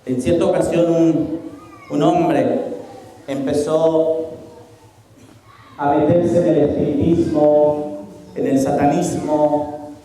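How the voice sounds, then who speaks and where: A man preaching at a youth congress, telling his story with dramatic flair and putting on voices as he goes. His voice sits high but sounds mellow and dark in tone. The sound bounces around a large hall with a long, ringing reverb. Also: level tone, takes it slowly, pauses often, distant mic, a little hiss or hum. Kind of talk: sermon.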